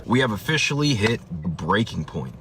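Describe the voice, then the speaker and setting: Male, somewhat low, earnest to-camera talk, rhetorical questions, faint hiss. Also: very animated, normal speed.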